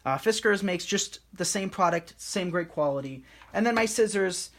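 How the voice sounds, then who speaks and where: Step by step, a high-pitched male host guides his audience through a live crafting session, soothing and in no rush.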